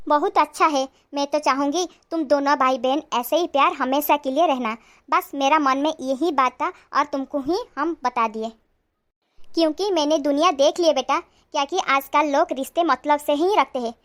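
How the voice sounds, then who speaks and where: A woman voicing a caring, worried middle-aged mother-in-law who gives gentle advice. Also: high voice, moderate pace. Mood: advising. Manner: gentle advising.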